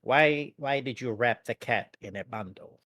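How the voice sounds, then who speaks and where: A dazed, socially clueless scholar from a tabletop game, speaking slowly, softly and lower than usual, as a man puts him on. He sounds flat and far away in thought. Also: no room sound, close to an everyday voice.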